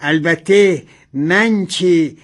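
A man's voice: fairly high pitch, lightly acted. An actor playing a fussy, bossy old male passenger who scolds and gives orders stubbornly. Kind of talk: comedic acting.

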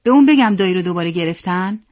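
A woman voicing a jittery young boy in a spoken story. He keeps his voice low and eager, a touch higher than her own reading. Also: animated, no room sound, lightly acted. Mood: hushed. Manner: hushed, eager. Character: nervous excited young boy, the narrator as a child.

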